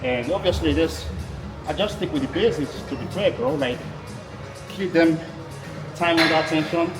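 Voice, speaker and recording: A man's voice: a little high, normal speed, low-quality recording. A man who is a professional bodybuilder, chatting casually in gym bro slang. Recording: music playing behind.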